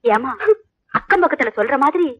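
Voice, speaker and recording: Woman playing a sharp-tongued greedy stepmother. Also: sits high, big pitch swings, normal speed, full character voice. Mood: mocking. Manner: scolding, mocking. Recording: dull audio with background music.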